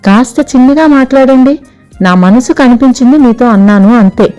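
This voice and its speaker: A woman voicing a gentle, coaxing wife. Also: mid-range voice, brisk, faint music behind, natural voice. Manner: soft, coaxing, kindly firm. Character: gentle middle-aged wife, soft-spoken and patient.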